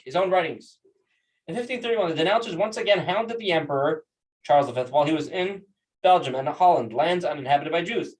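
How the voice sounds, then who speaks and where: A man, a rabbi, teaching a class through animated, conversational storytelling. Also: on the high side. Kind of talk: storytelling lesson. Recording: distant mic.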